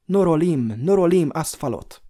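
A man voicing a commanding male elf lord on horseback, giving urgent shouted commands. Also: fairly high pitch, animated, voice pushed up. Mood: urgent shouting.

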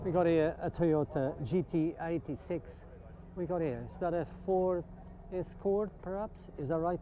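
Amid a noisy background, a man with a fairly high voice gives a relaxed, enthusiastic walkaround of a car meet in an outdoor car park. The vlogger admires things and asks his viewers questions.

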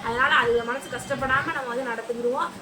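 A woman's voice: high voice, fairly even intonation, quick pace. A woman vlogger earnestly pleading with her viewers and repeating her points. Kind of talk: talking to viewers. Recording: echoey room, far from mic, noisy.

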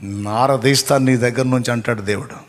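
A man preaching a sermon as pastor, fiery and exhorting, swinging between loud calls and hushed asides. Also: mid-range voice, fairly even intonation, brisk. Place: church. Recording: long reverb of a church hall.

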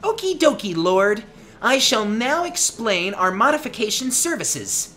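A woman's voice: high-pitched, sing-song, measured pace, over music. A woman playing a polite, eager young angel girl in a video game, explaining things in formal, deferential language. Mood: bright, eager. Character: polite, chirpy young girl angel serving her lord.

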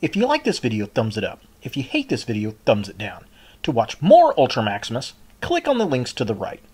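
A man with a husky voice giving a loud, upbeat sign-off for his channel. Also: medium pitch, wildly swooping pitch, fairly quick. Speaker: channel host. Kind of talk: outro sign-off.

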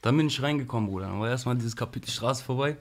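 Young male interview guest, casual slangy storyteller, medium pitch. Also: racing. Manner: animated, slangy, frequent "Bruder" and "weißt du".

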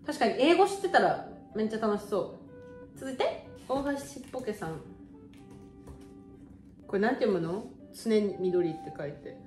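A woman in her twenties chatting casually and excitedly in slangy speech while sharing songs. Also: medium pitch, normal speed, pauses often, reverberant, faint music behind. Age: 20s. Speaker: YouTuber.

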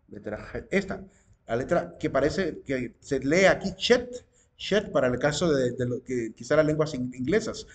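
A man leads an informal religious lesson. He talks at an ordinary medium pitch and works through each point patiently. Fillers and quick tag questions come up often. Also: darkish tone. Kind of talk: informal teaching talk to viewers.

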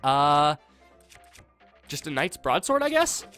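A young man talks his way through a video game, narrating each move and thinking out loud as he plays. His fairly high voice swings up and down a lot and jumps into excited reactions. Faint game music runs underneath. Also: takes it slowly. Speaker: let's play host. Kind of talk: casual gameplay commentary. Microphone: desktop USB condenser mic.

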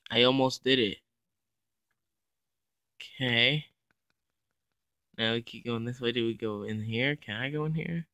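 A man's voice: mid-range voice, fairly even intonation, measured pace, pauses often, pushed and bright, clear, resonant tone, no room sound. A man giving playful, casual commentary over his own block-building game, narrating each move as he goes. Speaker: gaming YouTuber.

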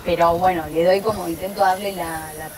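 A young Argentine woman, in her twenties, chats informally as a guest at a table outside on a terrace, speaking a little fast in a steady, low-ish voice. She fills her talk with hesitations and restarts, captured on a lapel mic against a noisy background.

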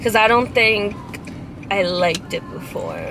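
A young woman tells rambling stories in casual chat, her talk full of likes. She is recorded by a dashboard camera inside a car at night, with clear car noise behind her. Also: medium pitch, wildly swooping pitch, takes it slowly. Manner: rambling storyteller, many likes. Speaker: guest.

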